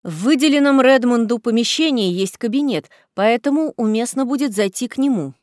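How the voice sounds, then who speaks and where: Brief: weary, earnest male alien starship captain, read by a woman, measured audiobook delivery, dry close sound. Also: fairly high pitch, expressive, a little mellow, no room sound, natural voice. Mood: candid. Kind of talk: audiobook character reading.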